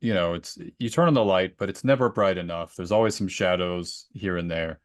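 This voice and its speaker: Here a man with a low voice talks fairly quickly as a podcast co-host, reenacting lines of dialogue from memory and spinning anecdotes during a relaxed book chat. It's studio-quality audio with no room sound.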